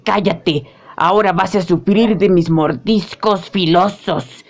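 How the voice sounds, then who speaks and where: A man's voice: high-pitched, slow pace. A man voicing a menacing creature that threatens to bite, in a crude comic fan dub.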